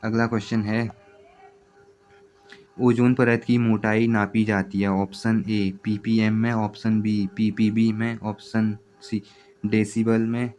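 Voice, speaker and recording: Flat-voiced man reading exam answers. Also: lowish voice, slow, faint music behind. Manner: steady, repetitive question-by-question reading. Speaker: exam prep teacher.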